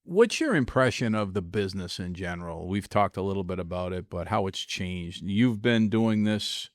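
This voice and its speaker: A man hosting a podcast, ribbing his co-hosts and steering the talk with questions. His voice sits on the low side. The mic is close and dry. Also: expressive, normal speed, no echo. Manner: teasing, asks guest questions. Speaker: podcast host. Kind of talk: casual podcast chat.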